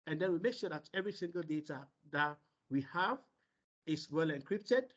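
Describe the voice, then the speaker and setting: A man moderating a seminar on a video call, explaining things in a deliberate, halting way. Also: on the high side. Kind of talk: explaining and relaying questions. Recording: dull, lo-fi video call audio.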